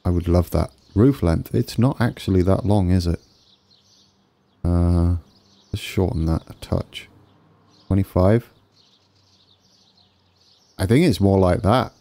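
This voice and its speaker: A man's voice: sits low, slow pace, vocal fry, long pauses, warm tone. A man with a wheezy, congested voice giving casual commentary on a game build, tentatively thinking aloud as he goes. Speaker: gaming video host.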